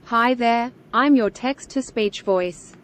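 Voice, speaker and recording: A synthetic female text-to-speech voice with an Australian accent, giving a bright, announcing greeting. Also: fairly high pitch, slow, slight background noise. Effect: synthetic text-to-speech computer voice.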